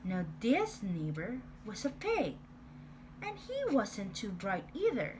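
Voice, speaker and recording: A woman's voice: mid-range voice, wildly swooping pitch, slow pace, noisy background. A woman voicing a sly male wolf who tells his own side of a storybook tale in a playful, exaggerated way. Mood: self-justifying. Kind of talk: storybook reading.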